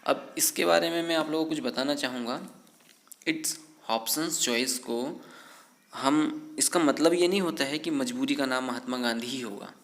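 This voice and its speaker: A man from India teaches everyday English phrases in a relaxed, casual way. He repeats each sentence slowly and clearly so learners can follow. His mid-pitched voice rings a little in an echoey room. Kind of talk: casual spoken English lesson.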